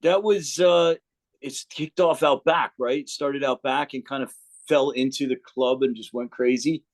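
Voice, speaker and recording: A man's voice: mid-range voice, a little slow. A man with a New Jersey accent, an interview guest telling stories casually, swearing a lot and acting out what people said. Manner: profane, animated storyteller acting out quotes. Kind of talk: casual storytelling.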